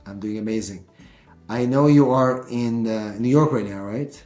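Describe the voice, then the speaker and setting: A man hosting a podcast from his home studio, at a middle pitch. His talk rambles, full of "um" and restarts. The room has a noticeable echo, with faint music behind. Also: moderate pace, darkish tone. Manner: rambling, many fillers and restarts. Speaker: podcast host. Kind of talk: casual interview.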